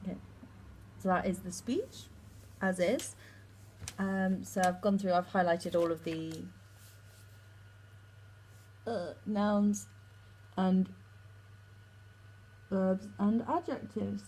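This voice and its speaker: A woman's voice: mid-range voice, darkish tone, a little hiss or hum, poor audio. A young woman, a drama student, chatting about her monologue for class. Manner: chatty, with many ums and quick run-on sentences. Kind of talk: casual talk about her acting class work.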